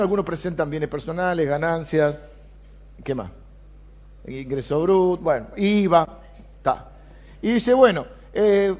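A man with a Rioplatense Spanish accent, preaching a sermon and reading scripture aloud with animated emphasis. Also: on the high side. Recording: dull lo-fi sound.

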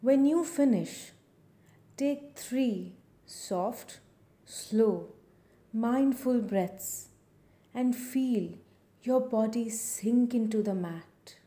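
A woman leading a scripted guided relaxation in a soft, breathy spa near-whisper, soothing, with long pauses between short phrases. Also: a little high.

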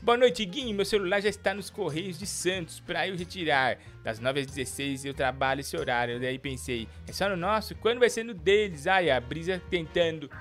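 A man hosting a live stream, teasing callers and his co-host with mock-whiny bits and sudden shouts. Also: on the high side, normal speed, few pauses, soft background music. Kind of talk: joking live-stream chat.

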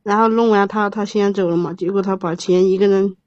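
A woman in her thirties tells a long, painful personal story on an advice call, rambling and halting with many restarts. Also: mid-range voice, fairly even intonation, darkish tone, no echo. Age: 30s. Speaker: caller. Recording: dull lo-fi sound, dry.

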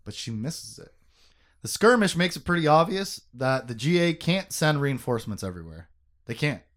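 A man's voice: mid-range voice, very animated, normal speed, fairly bright tone. A man hosting a podcast, recapping a book in casual chat, joking, laughing often and swearing.

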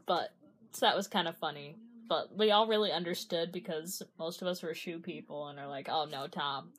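A woman chatting casually with friends, telling a story with lively quoted voices and frequent laughs. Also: on the low side, a little fast. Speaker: friend recounting a trip. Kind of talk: casual chat.

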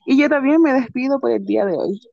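A Chilean woman co-hosts a relaxed podcast chat in a slightly raised voice. She stays calm, with dry humor and soft laughs. Her mic sounds dull and a little muffled, close and dry. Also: high-pitched, fast, creaky, no room sound. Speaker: podcast co-host. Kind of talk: casual chat.

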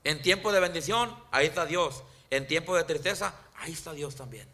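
A man preaching a Spanish-language sermon in church, calling out to the congregation and often asking them questions, slowing down when he quotes scripture. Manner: rises in pitch and loudness for emphasis, slows on scripture quotes. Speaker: pastor.

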